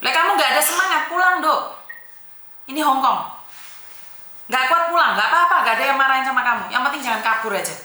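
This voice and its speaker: A woman's voice: high-pitched, lively intonation, fast talker, bright, forceful tone, echoey room. A woman hosting a call-in advice show, lecturing the caller bluntly and firmly. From Indonesia. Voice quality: scolding, firm, mixes in Javanese words. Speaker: advice host.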